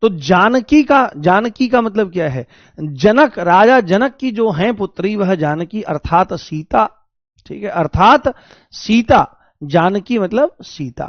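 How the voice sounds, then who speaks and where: A man's voice: sits high, lively intonation, slow pace, no room sound, lo-fi sound. A man teaching a grammar lesson for exam preparation, explaining step by step, repeating key words and asking his students questions. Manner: addresses students as "babu" and "babuji". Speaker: Hindi teacher.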